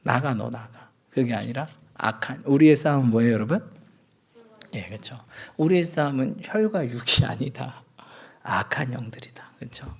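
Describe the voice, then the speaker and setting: A man's voice: mid-range voice, lively intonation, normal speed, vocal fry, breathy edge. A man, a pastor, preaching a sermon at a Friday night church service. He acts out everyday quarrels and keeps asking the congregation for agreement.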